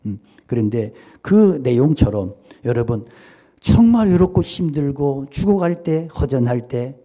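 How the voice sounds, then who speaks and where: A man preaching a Sunday sermon, swinging from loud exclamations to hushed, intimate asides. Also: mid-range voice, animated. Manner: sings hymn lines slowly. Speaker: pastor.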